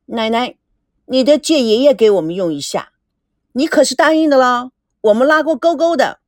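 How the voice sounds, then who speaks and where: A woman's voice: high voice, animated, normal speed, dry recording, studio quality. Woman playing a headstrong teenage girl. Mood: wilful, pleading. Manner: insistent, pouting, sharp outbursts.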